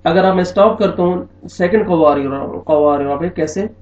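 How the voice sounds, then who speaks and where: Checking in often with his students, a man patiently goes over each rule in a Quran reading lesson recorded online. He has a high, slightly mellow voice, keeps a steady tone and moves at a moderate pace, all captured in a dull, echoey lo-fi room.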